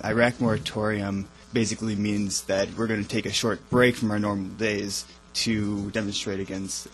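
A man's voice: on the low side, low-quality recording. Young man speaking at a rally. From Wisconsin, USA. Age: young adult. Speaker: campaign speaker. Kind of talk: public speech.

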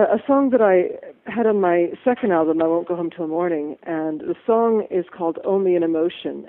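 A middle-aged woman with a mixed American and Irish accent, a musician chatting on a phone interview, upbeat and quick to laugh. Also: on the low side. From USA. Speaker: musician guest. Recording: tinny phone line.

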